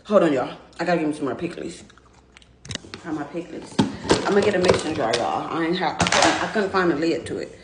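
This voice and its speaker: A woman's voice: sits low, animated, very noisy. Woman chatting while chewing, roomy echo. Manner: drawn-out, emphatic, informal folksy delivery with frequent appreciative hums. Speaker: mukbang host eating on camera. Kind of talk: casual mukbang chat to viewers. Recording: roomy echo, music behind.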